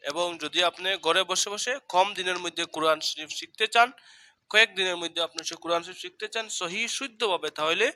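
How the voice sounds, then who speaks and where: A man teaching Quran reading, slowly drilling letter sounds one by one in a step-by-step lesson. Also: on the high side, sharp tone.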